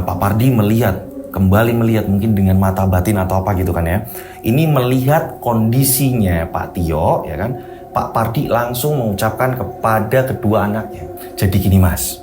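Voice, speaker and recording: A man's voice: on the low side, normal speed, music in the background. A man telling a spooky story in a casual, chatty way, often tossing in tag questions. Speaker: horror story narrator.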